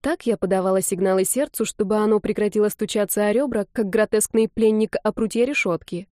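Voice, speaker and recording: A woman reading a first-person novel aloud in a lively, ironic storytelling manner. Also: mid-range voice, fairly quick, no echo, studio quality. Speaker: audiobook narrator.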